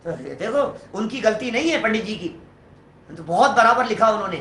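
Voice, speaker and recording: A man preaching a devotional sermon, lively and constantly questioning his audience. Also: high-pitched, brisk, roomy sound, slight background noise. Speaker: Jain preacher. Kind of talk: devotional sermon with sung hymn lines.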